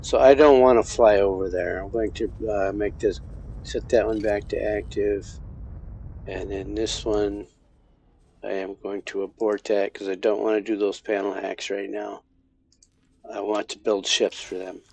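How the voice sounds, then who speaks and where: Gravelly low-voiced man streaming a game. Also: measured pace. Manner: relaxed, thinking aloud with restarts. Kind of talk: casual gameplay commentary.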